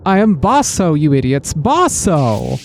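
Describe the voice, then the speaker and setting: A man's voice: on the high side, big pitch swings, measured pace, gravelly, a little hiss or hum, heavily acted. A man voicing a pompous, menacing theater director from a video game in an overacted, theatrical death-scene manner. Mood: hammy, indignant. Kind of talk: video game read-aloud acting.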